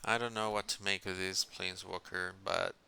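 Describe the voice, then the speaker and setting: A man's voice: sits low, level tone, normal speed, gravelly, bright, forceful tone, clean tone. A man streaming a card game, musing in a mock-philosophical way and asking himself questions as he plays. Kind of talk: casual live-stream commentary.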